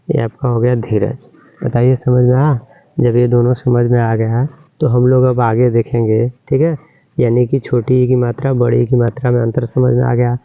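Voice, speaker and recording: Man, classroom teacher, flat tone, slow spelled-out lesson, tinny phone-like recording. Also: medium pitch, gravelly, no echo. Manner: drawn-out syllables, repeated checks for understanding.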